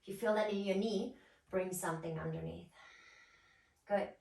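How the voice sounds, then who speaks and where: Woman, yoga instructor, gentle nurturing guidance, medium pitch, distant roomy sound. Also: fairly even intonation, moderate pace, creaky. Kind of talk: guided yoga class instruction. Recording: roomy echo, distant microphone.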